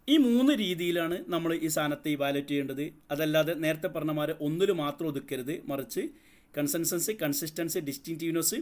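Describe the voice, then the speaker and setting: A man teaching a psychology lesson, explaining step by step, asking the class questions and mixing in English terms. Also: on the high side. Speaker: psychology tutor. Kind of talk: lecture.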